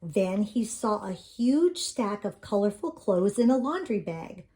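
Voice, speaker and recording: A woman's voice: mid-range voice, very animated, a little slow, mellow. A woman narrating a children's storybook as she reads it aloud. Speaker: storybook reader.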